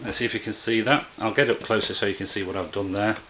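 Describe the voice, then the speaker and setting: A man's voice: fairly low pitch, fairly even intonation, fast, fairly bright tone, a little hiss or hum. A man presenting an informal how-to video, explaining hands-on work in a plain-spoken, step-by-step way. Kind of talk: informal hands-on tutorial narration. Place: indoors beside a printer.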